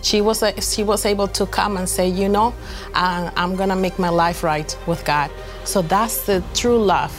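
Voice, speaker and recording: Woman pastor, mid pitch, sincere testimony. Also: moderate pace, soft background music. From Dominican Republic. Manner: sincere storytelling with frequent restarts. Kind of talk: personal testimony.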